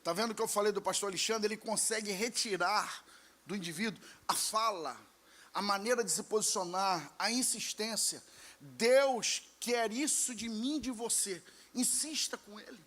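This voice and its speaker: A Brazilian man preaching a fervent sermon as pastor, moving from quiet talk to shouted calls to the congregation. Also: sits high, moderate pace. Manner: calls out to the congregation with "irmãos" and "glória".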